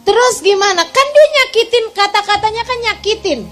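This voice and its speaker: A woman religious teacher giving an animated sermon to a women's audience, telling stories and putting questions to her listeners. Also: very high voice, moderate pace, faint music behind.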